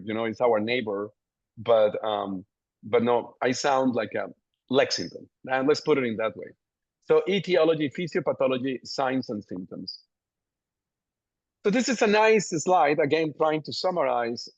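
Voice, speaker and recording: A man's voice: medium pitch, dry recording. Guy giving a webinar talk, chatty, kinda dull dry call audio. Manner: chatty, jokes about his accent. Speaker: pediatric dentist giving a webinar. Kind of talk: lecture over slides. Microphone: video call.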